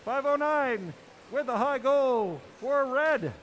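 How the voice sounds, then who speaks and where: A man calling a robotics match live as announcer, excitable and full of exclamations. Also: very high voice, slow pace, a little hiss or hum. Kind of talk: live play-by-play commentary.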